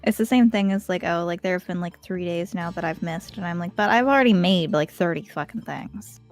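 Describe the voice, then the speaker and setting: A woman's voice: lowish voice, fairly quick, soft background music. Blunt young woman on a streaming headset. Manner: blunt and swears freely. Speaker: art streamer. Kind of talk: casual chat while drawing on a livestream. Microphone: livestream headset mic.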